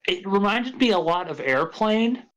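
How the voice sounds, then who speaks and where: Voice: mid-range voice, animated, normal speed, fairly bright tone, low-quality recording. A co-host of a casual movie podcast, chatty and often laughing while going through notes.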